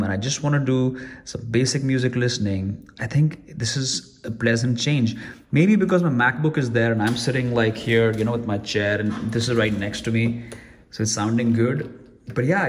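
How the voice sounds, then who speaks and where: A man's voice: mid-range voice, normal speed. Guy doing a casual gadget review in his room, chatty, rambles n restarts a lot. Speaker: tech reviewer. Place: room at home.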